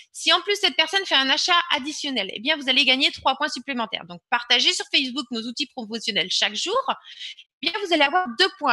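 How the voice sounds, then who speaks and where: A woman's voice: high-pitched, pushed and bright, dry recording. A woman presenting an online webinar and walking viewers through a screen-share demo, urging them on and repeating words for emphasis.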